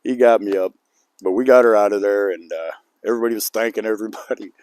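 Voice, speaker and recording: A man's voice: on the low side, fairly even intonation, a little mellow, no echo. Folksy older man telling a story. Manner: folksy, chuckles between lines, drawn-out anecdotes. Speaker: outdoor vlogger. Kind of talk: casual storytelling to camera. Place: outdoors in cold calm weather.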